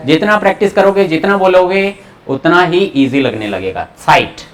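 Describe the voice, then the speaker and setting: A man with a high-sitting, animated voice teaches a class German pronunciation in a blend of Hindi and English, coaxing students by saying each word slowly so they can echo it.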